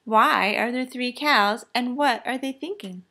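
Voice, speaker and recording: A woman teacher demonstrates a read-aloud, taking a children's picture book expressively and with careful, instructive phrasing. Her fairly high voice is unhurried, pushed and bright.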